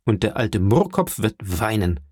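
A man reading the part of a hearty middle-aged shipowner in an audiobook, lively and confiding. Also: on the low side, a little slow, husky, no echo, studio quality, heavily acted.

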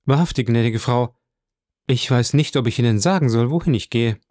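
A man voicing a suave, composed count who speaks with polished, measured courtesy. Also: mid-range voice, a little mellow, no room sound, studio quality, lightly acted. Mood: assured.

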